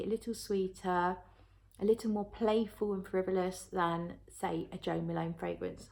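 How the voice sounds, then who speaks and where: A woman talking casually to viewers as a reviewer, chatty and thinking aloud as she goes. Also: medium pitch. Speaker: perfume reviewer.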